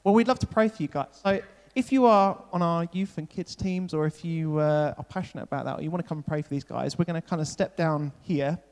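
An upbeat man hosts a casual stage interview in church, his voice sitting a little high for a man. Talk is loose and friendly, full of "yeah" and "brilliant", and it turns to spoken prayer. A long reverb trails each line in the large hall. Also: fairly quick, few pauses, a little mellow. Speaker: church leader hosting an on-stage welcome.

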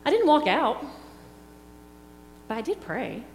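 Earnest middle-aged woman giving a sermon, slow and reflective, roomy church sound. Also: a little high, very animated. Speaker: preacher. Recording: echoey hall with faint hum.

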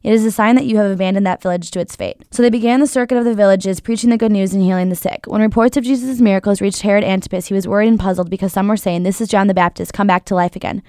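A woman reading a Bible passage aloud in brisk, even, scripted narration. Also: mid-range voice, clear, resonant tone, no room sound, studio quality. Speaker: Bible reader.

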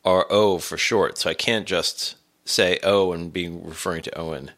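A middle-aged man with a gravelly, congested voice from a cold, chatting casually and hesitantly as a podcast host. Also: sits low, steady tone, moderate pace, fairly bright tone. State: has a cold.

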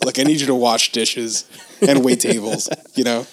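A man's voice: mid-range voice, fairly even intonation, moderate pace, rough recording. A native Spanish-speaking man in casual chat, talking in a slangy, laid-back way with some swearing.

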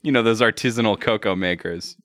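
A man's voice: fairly low pitch, a little fast, a bit bright, dry recording. A man co-hosting a podcast, giving a casual, jokey episode recap. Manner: jokey, laughs while talking. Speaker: podcast co-host.

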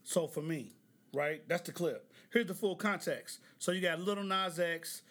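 High, bright-voiced man hosting a podcast. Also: measured pace. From Oklahoma. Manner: conversational, frequent "right?" asides. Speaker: podcast host. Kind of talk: casual commentary.

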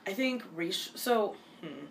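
A college student in her twenties from Minnesota answers interview questions casually in a mid-range, animated voice. She talks fast, often restarts her sentences, and uses "like" a lot. There's a little hiss or hum.

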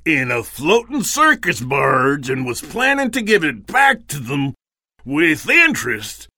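Hollering frontier judge, drawling twang, bright sharp tone, lively swoops, slow deliberate delivery, dry close sound. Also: male voice, a little high, dry recording, heavily acted. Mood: proclaiming. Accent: exaggerated Old West drawl. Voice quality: loud, bossy, folksy. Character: blustering frontier saloon judge, male, middle-aged. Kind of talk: cartoon voice acting.

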